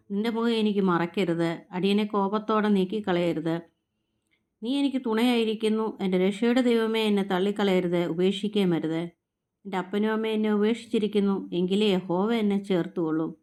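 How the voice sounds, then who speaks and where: A woman reads scripture aloud, one psalm after another. Her pitch sits in an ordinary middle range, and she keeps an even, measured pace throughout. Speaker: scripture reader. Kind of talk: steady Bible reading aloud.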